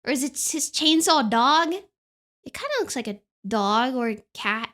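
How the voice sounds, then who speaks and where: A woman VTuber giving excited, casual reaction commentary, exclamatory and easily amazed. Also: sits high, measured pace. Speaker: VTuber reacting to anime openings. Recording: music playing behind the voice. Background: anime theme songs.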